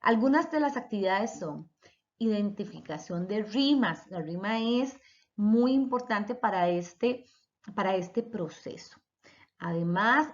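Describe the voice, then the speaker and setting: Woman teacher, recorded lecture, patient step-by-step explaining, dull lo-fi sound. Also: mid-range voice. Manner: explanatory, spells out letters and sounds.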